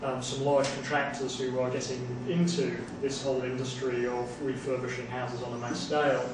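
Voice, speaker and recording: A man's voice: medium pitch, flat delivery, moderate pace. A man giving a seminar, answering a question in a conversational way and restarting phrases as he thinks, in a small seminar room. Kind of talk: academic Q&A answer. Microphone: far room camera mic. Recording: echoey room from far off, background hiss.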